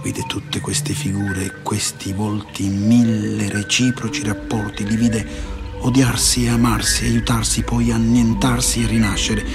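A man narrating a literary audiobook in a warm, slow, contemplative and often hushed voice. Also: lowish voice. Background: faint music.

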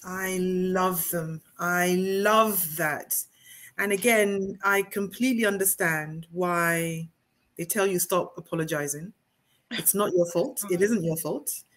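Woman, moderator, encouraging, effusive, lowish voice. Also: takes it slowly, fairly bright tone. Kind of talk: panel moderation.

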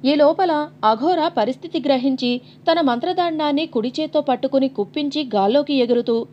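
High-voiced woman reading a novel dramatically. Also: fairly quick, muffled recording, slight background noise. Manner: dramatic, expressive storytelling. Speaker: audiobook narrator.

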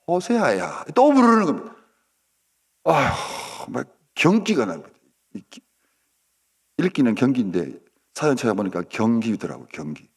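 A man preaching at a dawn prayer service, telling a story dramatically and swinging between loud outbursts and hushed asides. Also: medium pitch. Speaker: pastor.

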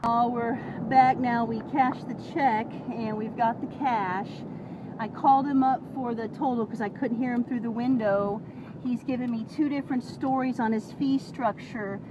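A woman with a high voice talks into a handheld phone outdoors in a parking lot. She stays polite but keeps pressing for clear answers, asking again and again until she gets them. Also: steady tone, normal speed, background noise. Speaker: towing victim filming her ordeal. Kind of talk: handheld phone vlog and phone call. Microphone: phone camera held in hand.

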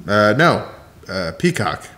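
A man's voice: on the low side, big pitch swings, slow, pushed and bright, slight background noise. A man in a comedy sketch, pleading and exasperated with his friend. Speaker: sketch partner. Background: music.

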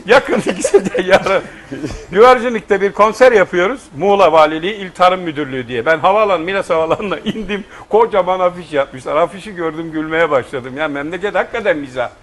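A man's voice: sits high, brisk, a bit bright. A man with an Aegean Turkish accent telling funny anecdotes in casual chat, laughing often and mimicking regional speech. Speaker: guest storyteller.

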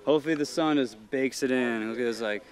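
A man's voice: mid-range voice, fast talker. A man in his thirties, a laid-back, slangy rider, chatting casually outdoors into a nearby camera. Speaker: bike rider working on the course. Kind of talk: casual chat. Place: outdoors on an open dirt course. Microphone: camera mic at a short distance. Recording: outdoor camera audio with crowd noise.

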